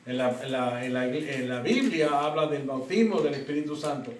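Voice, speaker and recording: A man's voice: mid-range voice, expressive, a little fast. A middle-aged man, a pastor teaching a Bible study in a conversational way with rhetorical questions and frequent restarts. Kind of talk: Bible study lesson with personal testimony. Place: church classroom. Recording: roomy, distant mic, faint noise.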